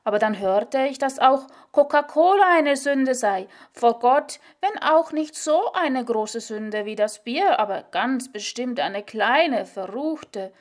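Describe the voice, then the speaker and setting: A woman reading a literary story aloud in a measured, deliberate way. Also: high-pitched, expressive.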